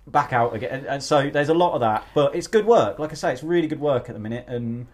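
A man's voice: medium pitch, fast, a little mellow. A young man hosting a casual podcast chat, rambling through stories and swearing freely. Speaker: podcast host.

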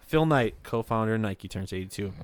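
A man hosting a casual podcast, his voice swinging up and down as he jokes his way through a list and breaks into loud laughs. His delivery is loose and playful, with quick asides. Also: lowish voice, animated, crowd noise. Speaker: podcast host.

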